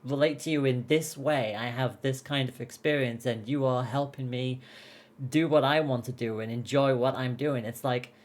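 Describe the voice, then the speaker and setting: A woman's voice: rumbling low, fairly even intonation, normal speed, darkish tone. A woman hosting a casual podcast chat, talking openly and emotionally and laughing often. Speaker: podcast host and esports caster.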